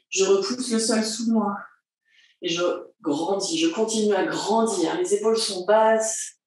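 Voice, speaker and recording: A woman's voice: a little high, darkish tone. A woman leading a pilates class, giving cheerful, encouraging cues, counting repetitions aloud and laughing often. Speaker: pilates instructor. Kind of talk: guided workout instruction. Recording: very echoey room, mic at a distance.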